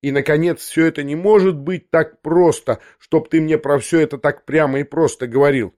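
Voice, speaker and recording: A man's voice: a little high, normal speed, lightly acted. A man voicing an agitated, hot-headed young man who breaks into indignant outbursts in an audiobook reading. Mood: furious. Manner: excited, shouting outbursts.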